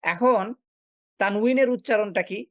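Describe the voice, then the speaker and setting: A patient male Quran recitation teacher gives an online class lecture in a high-sitting, unhurried, fairly bright voice, recorded dry and close with no echo. He explains things step by step, asks and answers his own questions, and often makes filler sounds while thinking.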